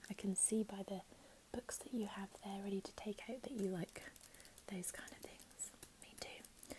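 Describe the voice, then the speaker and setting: A woman playing a helpful, chatty librarian in a whispered role-play, speaking in a gentle, unhurried library whisper. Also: mid-range voice, steady tone, natural voice, rough recording. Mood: friendly, attentive. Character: helpful, chatty female librarian signing up a patron.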